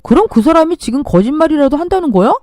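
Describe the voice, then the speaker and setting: An angry grown son confronts his mother in a storytelling radio episode, as a woman reader acts him out. His voice is loud and accusing and swings up and down a lot. The sound is dry and close. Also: very high-pitched, lively intonation, fast talker, dry recording, soft background music, pitched above the performer's own voice. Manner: raised, accusing voice.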